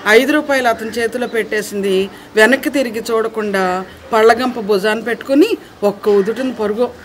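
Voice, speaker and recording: A woman narrating a children's moral story in a lively, expressive way. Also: a little high, moderate pace, slight background noise.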